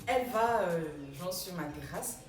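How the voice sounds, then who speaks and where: A young woman vlogger casually telling a story about her home, animated and exclamatory, her voice jumping up when she retells a quarrel. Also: medium pitch, a little slow, far from the mic, loud music behind the voice. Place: small room indoors. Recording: roomy, from off-mic.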